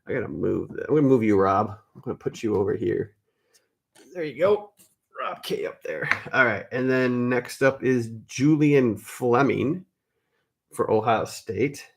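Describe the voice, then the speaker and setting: A man's voice: mid-range voice, lively intonation, unhurried, gravelly, slight background noise. A man hosting a live card break, chatting casually, calling viewers by name and fixing his own mix-ups.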